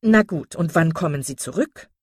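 Woman playing hearty country gentleman, loud and pushy, low husky tone, audiobook. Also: expressive, moderate pace, dry recording, studio quality. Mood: insistent. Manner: loud, insistent.

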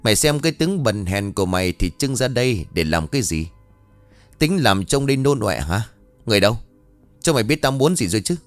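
A cruel old tyrant snarls his commands in a low, sneering voice, his pitch swinging wide with contempt, as a male storyteller puts him on. Every line is abusive and bossy, set close to the mic in a dry, deadened sound with faint music underneath. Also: big pitch swings, brisk, no room sound. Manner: sneering, abusive, barking orders.

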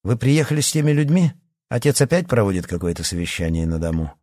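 A man's voice: mid-range voice, sing-song, fast, warm tone, no room sound, studio quality. A man voicing an easygoing teenage boy in an audiobook. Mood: relaxed. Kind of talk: audiobook character voice.

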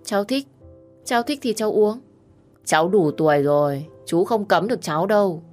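A woman's voice: medium pitch, lively intonation, moderate pace, darkish tone, faint music behind, voice pushed up, lightly acted. A woman voicing a drunk, tearful young woman who is stubborn and clingy, whining and pleading. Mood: drunk, petulant. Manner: whiny, insistent, pleading.

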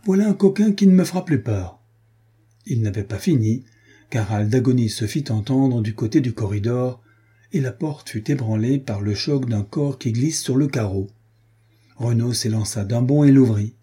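A man narrating an adventure novel in a steady storytelling delivery. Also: mid-range voice, moderate pace, slightly rough. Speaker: audiobook narrator. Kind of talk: audiobook narration.

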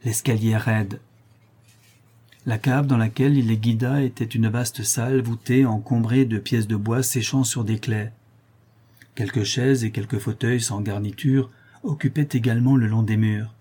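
Male audiobook reader, mellow tone with a breathy edge. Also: mid-range voice, steady tone, normal speed. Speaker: audiobook narrator. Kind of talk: scripted narration of a historical novel.

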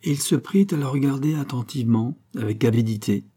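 A man reading a classic novel aloud as an audiobook narrator, in a steady, measured way. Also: medium pitch, husky. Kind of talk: scripted narration.

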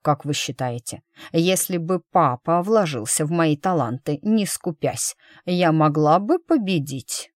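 Sex: male figure in disguise, voiced by a woman. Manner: slow, measured, low-key, calculating. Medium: audiobook. Pitch: lowish and level. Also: expressive, no echo, clean studio sound. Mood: measured scheming. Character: man disguised as a young lady, calculating.

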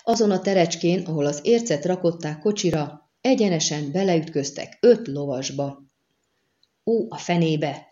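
A woman narrating an audiobook in a measured, even reading style. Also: sits low. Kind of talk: scripted narration. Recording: dull lo-fi audio.

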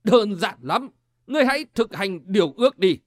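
A man's voice: high-pitched, expressive, a little fast. A man voicing a sneering villainous cult leader. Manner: sneering, cold, taunting. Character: cruel scheming male cult leader villain.

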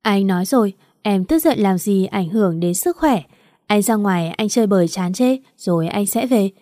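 A careless young husband with a loose, flippant way of talking, as a woman reads him. The voice stays mellow and dark, recorded dry. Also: mid-range voice, animated, normal speed, dry recording, natural voice. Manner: slurred, flippant.

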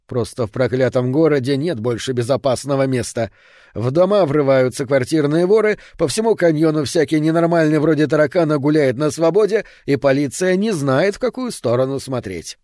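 A man's voice: medium pitch, lively intonation, fairly quick, hardly any pauses, mellow, dry recording, studio quality, lightly acted. A man voicing an uneasy, frightened husband who owns funeral homes, talking in an anxious, brooding way. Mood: agitated.

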